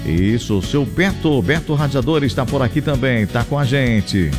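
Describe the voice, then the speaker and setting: This live radio host, a man with a southern Brazilian accent, speaks at medium pitch, expressively and at a moderate pace, with music playing beneath him in the studio. Chatty and effusive, he loops back over his own phrases while doing shout-outs and ad reads.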